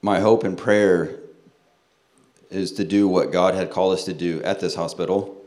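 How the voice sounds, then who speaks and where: A man with a General American accent addressing a church congregation, pausing for an interpreter. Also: deep voice, fairly even intonation, darkish tone. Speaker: guest speaker at a church. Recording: echoey room with faint noise.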